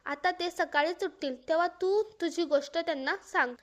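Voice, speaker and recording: Casting: a woman doing a stern but caring aunt in a storybook, high voice, scolding then soothing. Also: moderate pace. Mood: consoling.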